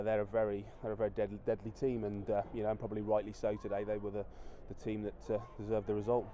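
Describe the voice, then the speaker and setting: A man's voice: lowish voice, dark tone, a little hiss or hum. A man in his thirties, a rugby coach, giving a post-match interview outdoors at a floodlit ground, talking with many fillers and restarts.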